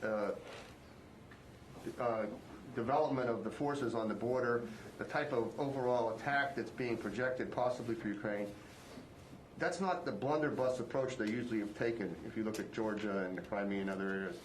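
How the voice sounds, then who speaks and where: A man's voice: fairly low pitch, normal speed. A male reporter at a press briefing, asking a long question while repeating words as he frames it. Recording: echoey room with faint noise.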